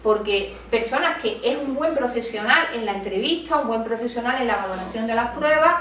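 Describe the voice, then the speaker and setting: A woman speaks as a lawyer at a colloquium, telling a case in animated fashion and playing out both sides of the dialogue. Her voice sits a little high. She is picked up from some distance in a roomy hall with faint ambience. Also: brisk. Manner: animated storytelling, acts out quoted dialogue. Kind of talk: talk at a public colloquium. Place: meeting room.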